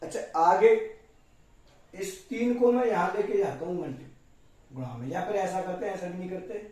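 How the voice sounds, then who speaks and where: This male math teacher has a high voice with a dark tone and speaks at normal speed. He explains each step at the board and frequently calls his students "beta" with affection, captured from a distance in a very echoey classroom.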